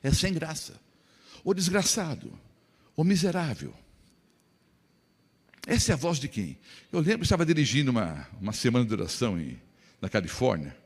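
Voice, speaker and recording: A man's voice: medium pitch, very animated, fast, in a large hall. A man preaching a sermon as pastor, emphatic and full of rhetorical questions to the congregation.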